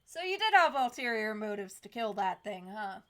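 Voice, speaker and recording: A woman's voice: medium pitch, big pitch swings, normal speed, fairly bright tone. A woman giving casual, blunt, joking commentary while playing through a video game.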